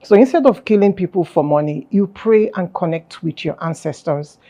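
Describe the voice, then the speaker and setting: A woman who founded a film festival appears as an interview guest, earnestly explaining her beliefs and firmly stressing key words. Her voice is fairly low and dark in tone, delivered at a moderate pace.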